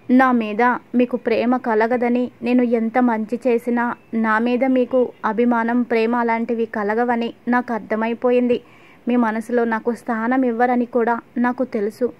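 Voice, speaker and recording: A woman's voice: a little high, close to an everyday voice. A woman voicing a distraught young wife who tearfully pleads with her husband, in a dull lo-fi recording. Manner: tearful, self-sacrificing pleading.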